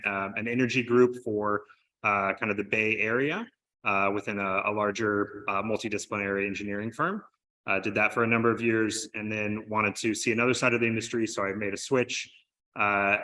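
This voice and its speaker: Bright-voiced American man giving a talk. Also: lowish voice, rough recording. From United States. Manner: upbeat, conversational, many fillers, polls the audience. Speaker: conference speaker. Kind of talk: conference presentation. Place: conference room.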